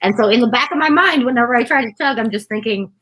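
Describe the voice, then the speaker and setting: A woman's voice: on the high side, fast, fairly bright tone, husky, poor audio. A woman chatting casually during an eating contest, telling anecdotes and peppering her talk with "like". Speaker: competitive eater.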